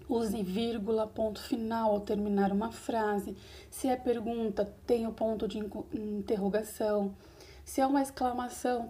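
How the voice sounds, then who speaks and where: Woman, schoolteacher from Brazil, video lesson for children, patient step-by-step tone, mellow voice. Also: a little high. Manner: patient, explains step by step, checks in with "ok?". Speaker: primary school teacher.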